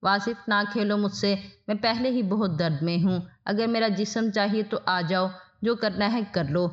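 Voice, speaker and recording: A woman voicing a suffering young wife in a spoken story, with soft, pleading lines. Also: medium pitch, lightly acted. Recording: dull lo-fi audio.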